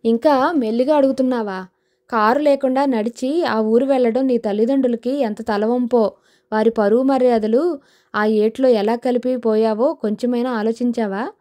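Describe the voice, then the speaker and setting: A woman's voice: a little high, steady tone, normal speed, warm tone, lightly acted. A woman voicing a teasing, good-humoured middle-aged father with a wry, joking manner. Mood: mock-stern.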